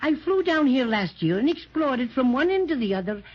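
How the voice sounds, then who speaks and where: A performer voicing a cheerful, protective little cinnamon teddy bear who reassures the children and is bossy toward the stork, in a 1930s radio drama. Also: female voice, sits high, big pitch swings, brisk. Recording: dull old 1930s radio transcription.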